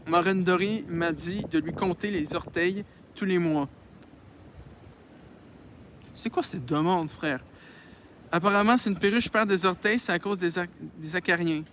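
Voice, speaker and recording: A man's voice: high voice, a little slow, pauses often, a bit bright, slight background noise. A man reading a novel aloud outdoors in casual style, stumbling over words and breaking off into sarcastic, swearing asides. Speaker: audiobook reader. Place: outdoors in the wind.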